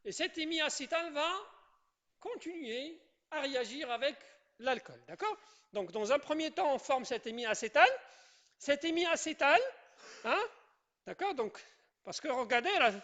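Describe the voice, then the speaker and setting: This is a classroom chemistry lecture at the board, given by a teacher whose voice sits high with a fairly bright tone. Repetition runs throughout, with frequent "d'accord?" and "je répète" check-ins, plus quizzing of students and praise for their answers.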